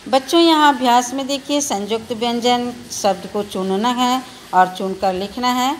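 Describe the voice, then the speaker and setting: A woman's voice: fairly high pitch, normal speed, a little hiss or hum. A woman teacher with a Bihari Hindi accent, patiently spelling out letters one by one in a recorded lesson for children.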